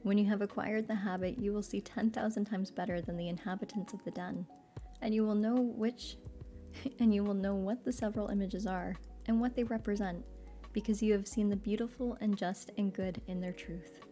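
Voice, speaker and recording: Woman reading a wise old philosopher guy, calm and patient, mellow and soft for sleep. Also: mid-range voice, moderate pace, faint music behind, lightly acted.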